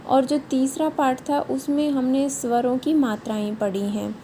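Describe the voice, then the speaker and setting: A woman's voice: high voice, steady tone, normal speed, warm tone, a little hiss or hum. A woman teacher giving a patient, step-by-step revision lesson to young children, often checking in with short questions. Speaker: primary school teacher.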